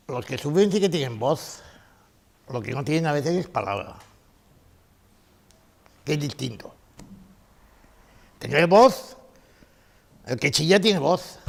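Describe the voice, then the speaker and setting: A man's voice: medium pitch, creaky. A man giving a conference lecture, emphatic, repeating his key phrases and asking rhetorical questions.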